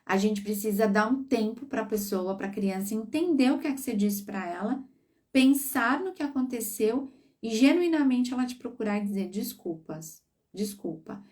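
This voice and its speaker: A woman's voice: a little high, moderate pace, distant mic. A woman psychologist talking on a live stream, giving parents advice and checking that listeners follow. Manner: warm coaching, checks in with listeners.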